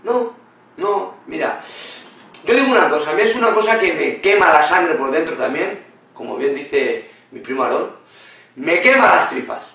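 Blunt, animated male vlogger, high bright voice, booming echoey room, mic set back. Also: normal speed, distant mic. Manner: animated, blunt and swearing, mimics others in funny voices. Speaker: vlogger reacting to a video. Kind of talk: casual opinionated commentary.

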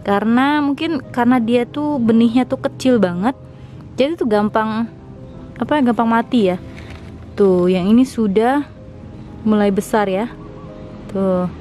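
A woman's voice: a little high, measured pace, long pauses, dark tone, faint music behind. A young woman narrating a casual tour of her rooftop garden, chatty and enthusiastic as she explains each plant. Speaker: vlogger, home gardener.

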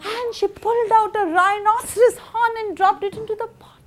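A woman in her thirties telling a folktale live to children in a theatrical, expressive way. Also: extremely high pitch, normal speed. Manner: theatrical, expressive, uses sound effects. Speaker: children's storyteller. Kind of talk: live dramatic storytelling of a folktale. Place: medium-sized indoor room with seated children.

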